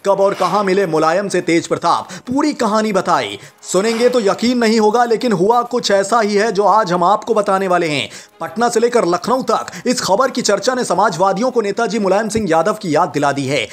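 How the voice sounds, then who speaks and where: A man's voice: sits high, moderate pace, few pauses. A man reading a scripted Hindi news report as a voice-over, in a dramatic storytelling manner.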